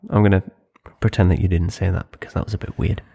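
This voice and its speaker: A man's voice: low-pitched, fast, gravelly, slightly rough, muffled recording. A young man co-hosting a podcast, chatting casually with lots of fillers and restarts. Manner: relaxed, rambling with fillers and restarts. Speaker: podcast co-host. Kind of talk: casual chat.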